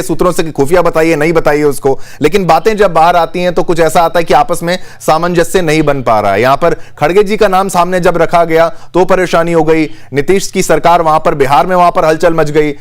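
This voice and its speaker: Male news anchor, probing questions. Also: fairly high pitch. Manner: presses guests with pointed questions, many quick backchannel hums. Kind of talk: moderating a TV panel debate.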